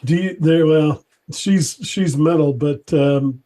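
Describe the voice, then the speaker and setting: A man hosting a laid-back interview, his voice mellow and a little high. He rambles, trailing off and starting over between thoughts. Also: takes it slowly. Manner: rambling, many fillers and restarts. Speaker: interview host. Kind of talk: casual interview chat.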